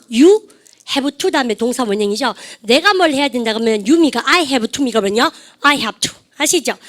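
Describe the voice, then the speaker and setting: A middle-aged woman teaching English to a classroom of adults, lively and teasing, firing quick questions at her students. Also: on the high side. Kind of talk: classroom lecture.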